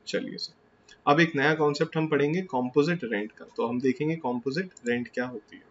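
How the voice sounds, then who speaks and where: A man's voice: mid-range voice, a little fast. A man with an Indian accent teaching a tax class, mixing Hindi and English and asking and answering his own questions. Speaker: tax lecturer. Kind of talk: classroom lecture. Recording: slightly dull lo-fi sound with faint background noise.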